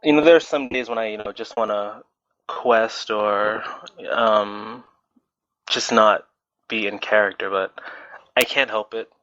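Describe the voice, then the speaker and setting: A man's voice: fairly low pitch, measured pace, pauses often, dry recording. A man in his twenties, a podcast guest, chatting casually and rambling with plenty of fillers. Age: 20s. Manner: relaxed, rambling, frequent fillers. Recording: dry, dull lo-fi voice chat audio.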